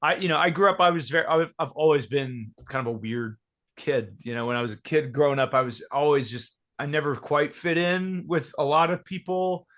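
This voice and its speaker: Here the same kind of speaker, a thirty-something Georgia musician, chats informally in an interview with plenty of fillers and false starts. He sounds a little high, a little quick and somewhat bright.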